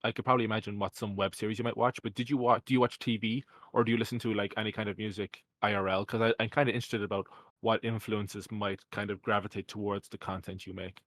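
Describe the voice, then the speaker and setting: A man's voice: fairly low pitch, level tone, fast, a bit bright, dry recording. A young man hosting a casual podcast, rambling with many fillers and restarts. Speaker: podcast host.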